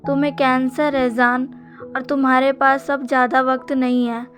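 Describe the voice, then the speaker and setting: A woman voicing a grieving young man who gently reassures his friend through tears. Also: high voice, little pitch movement, normal speed, faint music behind. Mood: consoling.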